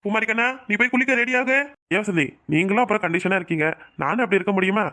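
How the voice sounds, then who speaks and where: A man voicing a doting, easygoing young father in a cartoon, gentle and indulgent. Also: high-pitched, quick pace. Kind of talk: cartoon voice acting.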